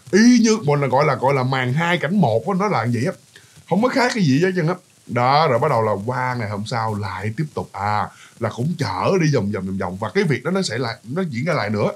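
A chatty man with a Southern Vietnamese accent tells a ghost story, talking to his listeners and looping back over words. His voice is slightly husky, on the high side, and swings lively as he rushes along. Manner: chatty, addresses listeners, many fillers and repeats. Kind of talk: casual ghost-story narration.

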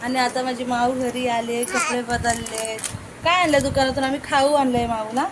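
High-pitched mom vlogging on her phone, chatty, a bit of outdoor noise. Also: fairly even intonation, normal speed. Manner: chatty, talks to her small daughter in a higher, louder voice. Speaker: vlogger and mother. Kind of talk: casual family vlog chat. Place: outdoors on a village path, then at home.

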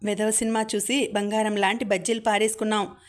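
A woman's voice: mid-range voice, little pitch movement, a little fast, natural voice. A woman reading the lines of a blunt young male student who scolds and calls out to his friends, in an audiobook. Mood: scolding.

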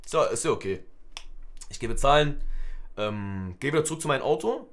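Man, 20s, street slang, lively storytelling. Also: mid-range voice. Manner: animated, street slang, quick retelling with acted quotes. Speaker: streamer. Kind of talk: casual live-stream storytelling.

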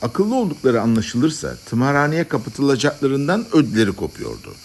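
A man narrating a satirical story as an audiobook reader, with an expressive, dramatic delivery. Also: medium pitch, moderate pace, creaky.

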